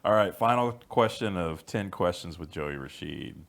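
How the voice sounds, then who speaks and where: A man with a very low voice hosts a podcast and asks rapid-fire interview questions. He keeps his interjections short and upbeat. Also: expressive, vocal fry, slight background noise. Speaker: podcast host.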